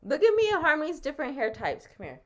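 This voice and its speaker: A young woman chats to her viewers in a rambling, casual way, slightly out of breath. Her pitch moves up and down with a lot of life. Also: huge pitch swings, fast talker. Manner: chatty, rambling. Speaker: vlogger. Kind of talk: casual vlog chat.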